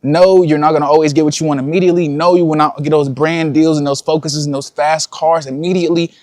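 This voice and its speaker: Young man, slangy casual vlog chat, fairly high voice, dry close sound. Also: level tone, fast talker, a little mellow, no echo. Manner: casual slangy talk, addresses viewers as y'all. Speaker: content creator. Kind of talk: casual vlog talk to viewers.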